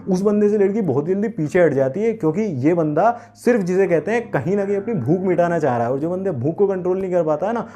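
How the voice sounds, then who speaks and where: A man's voice: sits high, dark tone. A man giving dating advice as a coach, in an emphatic, instructive way, laying out numbered rules. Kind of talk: scripted talking-head advice.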